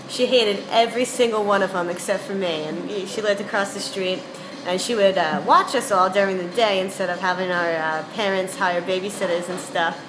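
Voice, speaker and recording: A woman's voice: medium pitch, fairly even intonation, moderate pace, noisy background. A young woman with a Bronx accent, telling family stories in a casual, chatty recorded interview. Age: young adult. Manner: chatty, anecdotal storytelling. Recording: echoey, with music behind.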